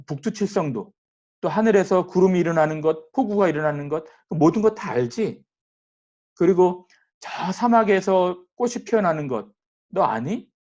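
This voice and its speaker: A stern, rebuking God, put on by a male preacher fires slow, pressing questions one after another. The voice sits at a middling pitch, and the recording sounds slightly dull and lo-fi. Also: animated, darkish tone, close to an everyday voice.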